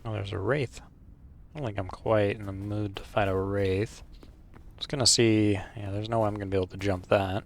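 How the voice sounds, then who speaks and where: This let's play host has a lowish, creaky voice with fairly even intonation. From his home gaming setup, he talks over his game through a wired mic, rambling slowly and hesitantly with lots of ums and uhs.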